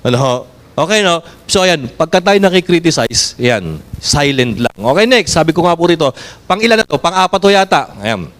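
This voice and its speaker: A male pastor with a Filipino accent delivers a sermon in a fairly high, very lively voice. He mixes in English, slows right down to read verses aloud, and keeps putting questions to the congregation. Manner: switches between Tagalog and English, reads verses slowly; animated, asks the congregation questions.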